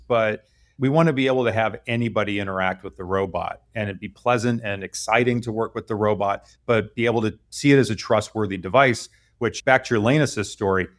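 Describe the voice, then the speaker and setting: A man, the guest, explains product ideas fluently and often checks in with a quick "right?". His voice sits a little low. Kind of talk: interview explanation.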